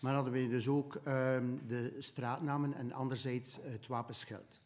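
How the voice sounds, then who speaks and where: A Flemish man speaking as a council member. He asks his questions hesitantly, pausing often. His voice sits in a middle pitch. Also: fairly even intonation, darkish tone, slight background noise. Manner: hesitant, many fillers. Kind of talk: asking questions at a council meeting.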